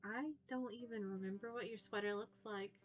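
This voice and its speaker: A woman's voice: mid-range voice, fairly even intonation, moderate pace, soft background music, lightly acted. Woman voicing a bored, dismissive troll girl. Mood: bored, annoyed. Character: bored, dismissive, sulky female troll in a visual novel.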